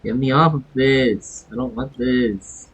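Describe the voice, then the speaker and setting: A man with a Filipino accent gives casual, chatty, reactive commentary on a game livestream, switching between languages. His mid-range voice is steady and unhurried. The stream audio is dull and lo-fi, with game music and slight background noise.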